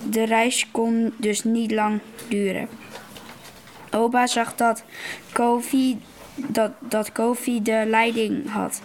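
A woman reading a passage from a book aloud, slowly and haltingly, repeating words. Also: a little high, little pitch movement, darkish tone, slight background noise.

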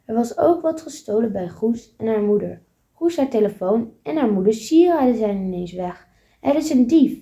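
A woman's voice: fairly high pitch, animated, normal speed, dark tone. A woman reading aloud a simple story with careful, plain delivery.

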